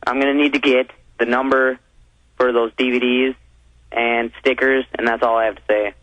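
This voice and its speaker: A man's voice: medium pitch, level tone, normal speed, fairly bright tone, no echo. A man speaking as a talk show guest, giving earnest political commentary and appealing to listeners. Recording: dull, lo-fi phone or radio line.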